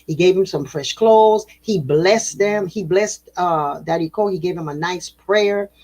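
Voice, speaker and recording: A spiritual storyteller and host, a woman with a low, husky voice, tells a traditional tale in a relaxed, conversational way. She's animated, her pitch jumping suddenly, and she laughs a little and corrects herself quickly as she goes.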